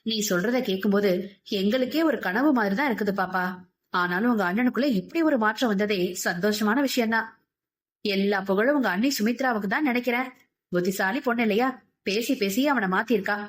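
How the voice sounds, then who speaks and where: A woman voicing a gentle middle-aged husband and father who talks in a soft, coaxing, pleading way. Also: medium pitch, fairly quick, natural voice.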